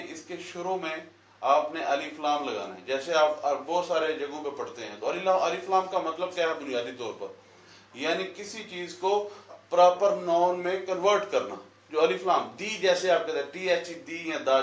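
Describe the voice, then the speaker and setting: A man's voice: a little high, normal speed. A man teaching a Quran lesson at a whiteboard in a classroom, quizzing the class and repeating their answers. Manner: asks questions and repeats the answers. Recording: echoey room, voice from far off.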